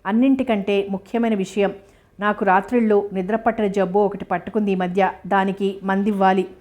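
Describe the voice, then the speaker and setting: A woman voicing a playful, affectionate young man who teases the heroine, reading in a flat, level tone. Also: mid-range voice, brisk, close to an everyday voice. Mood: teasing. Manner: playful, teasing.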